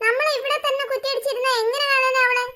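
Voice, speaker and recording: A woman's voice: extremely high pitch, flat delivery, fast talker, bright, forceful tone. A woman voicing a teasing young male sidekick in a cartoon, doubtful of his friend's plans. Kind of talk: cartoon voice acting.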